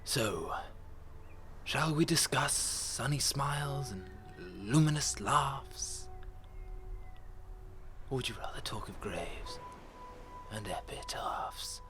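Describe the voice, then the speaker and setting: Male actor as Death: ancient watcher, slow hushed delivery, grandiose poetic verse, mocking calm, music underneath. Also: mid-range voice. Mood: ominous, teasing. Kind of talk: rhymed poetic monologue.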